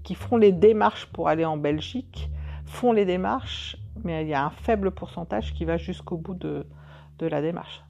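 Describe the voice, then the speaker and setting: A woman in a casual discussion, explaining her view in a measured way. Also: lowish voice, creaky, warm tone. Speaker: discussion participant.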